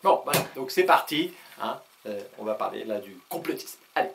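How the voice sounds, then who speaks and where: A man's voice: mid-range voice, lively intonation, vocal fry, noisy background. A man hosting his own video channel in a casual comic monologue, rambling with many hesitations and frequent chuckles. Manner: talks fast.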